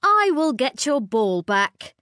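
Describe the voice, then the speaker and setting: A woman's voice: high-pitched, slow pace, no echo, studio quality, pitched above the performer's own voice, exaggerated voice. A woman doing a polite, patient talking frog. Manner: calm, reasonable, insistent.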